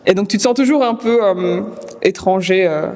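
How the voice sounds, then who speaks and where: A young woman talking thoughtfully about herself in an interview, laughing softly now and then. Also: mid-range voice, moderate pace, in a large hall. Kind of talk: reflective casual talk.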